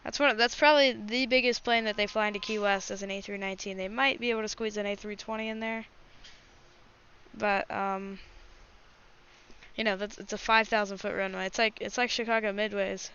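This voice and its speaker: A woman's voice: medium pitch, fairly even intonation, a little fast, a bit bright, smooth. A woman hosting a livestream, giving casual, chatty live commentary and speaking directly to her viewers. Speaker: livestream host. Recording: dull lo-fi mic with faint noise.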